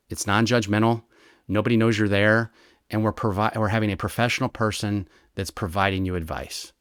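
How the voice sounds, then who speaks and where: Animated retired agent, lowish voice. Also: male voice, no echo, studio quality. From United States. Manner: animated storyteller, explains with examples and rhetorical "right?". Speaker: retired federal agent, interview guest. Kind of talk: conversational explanation.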